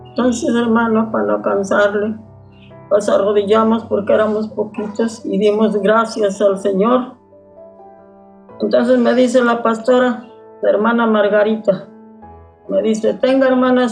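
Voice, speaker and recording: A woman's voice: a little high, gravelly, darkish tone, low-quality recording. An older woman with a Mexican Spanish accent, telling her story in a plain way and often calling her listeners brother. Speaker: church member giving testimony. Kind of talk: spoken testimony.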